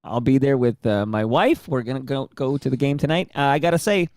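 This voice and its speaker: A man's voice: medium pitch, brisk, a little mellow, no echo, studio quality. A man chatting casually about sports as a guest on a talk show.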